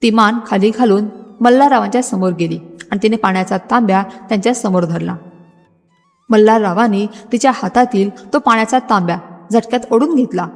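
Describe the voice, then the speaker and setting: Woman, dramatic storyteller, mid pitch, reverberant, music underneath. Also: a little fast. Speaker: narrator. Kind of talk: scripted storybook narration. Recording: music bed, long hall reverb.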